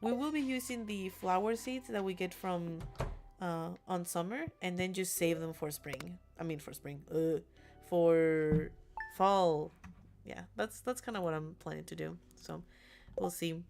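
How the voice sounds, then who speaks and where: A woman's voice: on the low side, a little slow, creaky, a little mellow, faint music behind. A young adult woman with English as her second language, chatting casually and giggling as she streams a game alone in her room. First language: not English. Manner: giggly, chatty, reads chat messages aloud. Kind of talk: casual live-stream chat.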